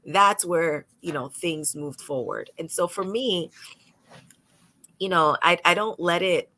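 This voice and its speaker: Her voice is fairly low and she speaks slowly: a woman lawyer from New York on a panel discussion. She narrates animatedly, acting out the lines people spoke.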